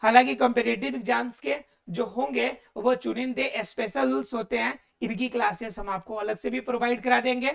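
A woman with a high, gravelly voice teaches grammar. She explains step by step, asks her students rhetorical questions and checks that they are following. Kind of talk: classroom-style recorded lesson.

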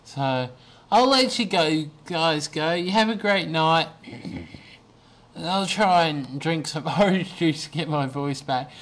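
Sitting at his desk in a cramped bedroom, a worn-out man in his twenties records a casual video diary on his webcam as his voice fades. He has a fairly high, lively, fairly bright voice, and he speaks slowly, drifting through his story with frequent ums and false starts as though talking to friends.

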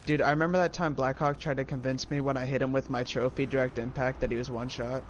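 A man playing a shooter game as a teammate, giving rapid callouts in casual chat. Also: mid-range voice, flat delivery, dull audio, slight background noise. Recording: game gunfire behind. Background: gunfire and explosions.

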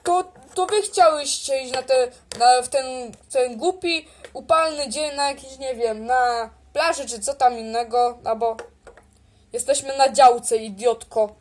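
A woman's voice: sits high, measured pace. A woman improvising a toy role-play, voicing several bickering characters in a playful way. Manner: playful, bickering, switches between character voices. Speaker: toy video creator.

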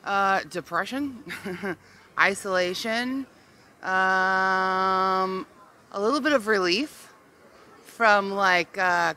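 A woman's voice: medium pitch, pushed and bright, slight background noise. A middle-aged woman reflectively answering a street interview outdoors into a handheld mic. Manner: unhurried, reflective. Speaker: passerby interviewee.

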